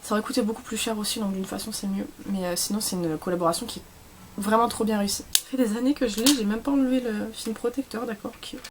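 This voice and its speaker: A woman's voice: medium pitch, fairly even intonation, quick pace, a little hiss or hum. A young woman from southern France with a southern French accent, chatting casually through a makeup tutorial, rambling with many fillers and asides. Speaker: beauty vlogger.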